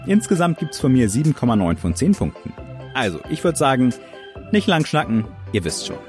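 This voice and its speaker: Lively male campus radio host. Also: medium pitch, a little fast, loud music behind the voice. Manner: upbeat, lively presenting. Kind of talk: radio moderation.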